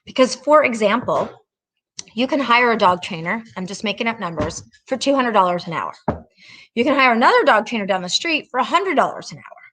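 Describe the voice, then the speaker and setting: A woman's voice: fairly high pitch, expressive, fairly quick, a bit bright. A middle-aged woman who trains dogs, giving direct, chatty advice in a casual talk and telling stories along the way. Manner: chatty, direct, anecdotal, emphatic. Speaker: dog trainer hosting a Q&A.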